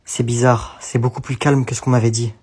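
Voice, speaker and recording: A man's voice: medium pitch, level tone, a little fast, darkish tone. A man in sketch comedy, talking in a casual, unimpressed way.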